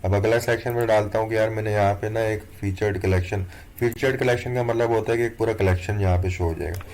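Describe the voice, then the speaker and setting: A young man with a lowish voice talks quickly as he teaches an online course over a screen recording. He's a course instructor giving a relaxed, step-by-step tutorial walkthrough, often checking in with the viewer by saying "theek hai."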